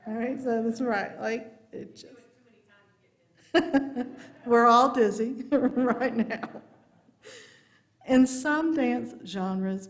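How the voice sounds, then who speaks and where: A woman's voice: medium pitch, creaky. A woman, giving a folksy, humorous sermon as a religious education director. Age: 50s. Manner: folksy and humorous, laughing along with the congregation.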